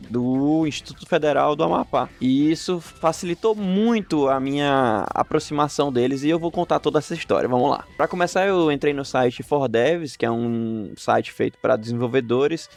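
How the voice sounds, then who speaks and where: A man's voice: a little high, vocal fry. A man narrating a story in a casual, chatty way, reading chat messages aloud. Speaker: storytelling vlog host.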